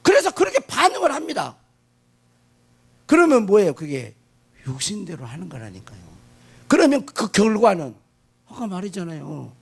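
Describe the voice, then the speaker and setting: Male pastor, sermon delivery. High, husky voice, asks and answers his own questions, swings from quiet asides to loud proclamations. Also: huge pitch swings, moderate pace, pauses often. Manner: emphatic, asks the congregation questions and answers them; swings between hushed asides and shouted declarations.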